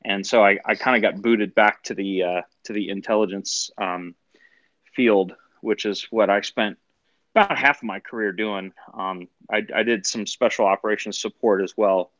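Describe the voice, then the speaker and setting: A man in his forties talking in a group call, halting with many ums and restarts. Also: on the low side, steady tone, fairly bright tone, no room sound, muffled recording. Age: 40s. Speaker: caller. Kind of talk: casual group call chat. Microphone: phone.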